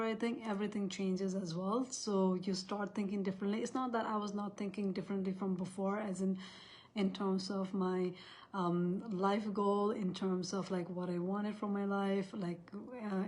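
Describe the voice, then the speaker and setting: A woman in her thirties from Nepal, hosting a casual livestream in a chatty, rambling way, often restarting sentences. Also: medium pitch. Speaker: host.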